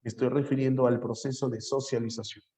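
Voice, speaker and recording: A man's voice: medium pitch, little pitch movement, brisk, dark tone. A man teaching psychology in a classroom, repeating phrases and firing questions at his students. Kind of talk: lively classroom lecture.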